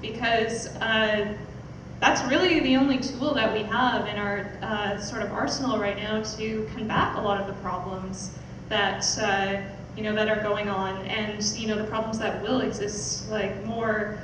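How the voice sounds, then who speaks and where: A young adult woman, a podcast producer, hosts a launch event on a small indoor theatre stage, giving an informal, hesitant, slightly self-deprecating speech. Her voice is medium-pitched and level at a moderate pace. A stand mic is picked up by a distant camera, so the noisy hall sounds very echoey and far off.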